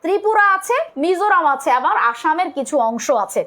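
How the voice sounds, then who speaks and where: A woman's voice: very high-pitched, animated, fairly quick, sharp tone. A young woman with a Bangladeshi Bengali accent giving an online exam-prep lecture, explaining step by step and asking and answering her own questions. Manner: colloquial, urges viewers to comment. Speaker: teacher.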